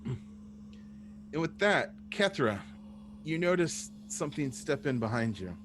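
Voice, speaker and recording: A man's voice: a little high, very animated, takes it slowly, fairly bright tone. A man narrating a tabletop game as the game master. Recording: noisy voice recording with hum.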